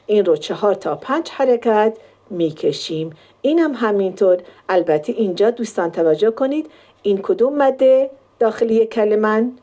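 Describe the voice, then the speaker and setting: A woman teaching a Quran recitation lesson, explaining step by step and drawing out the sample words slowly. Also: medium pitch, dark tone.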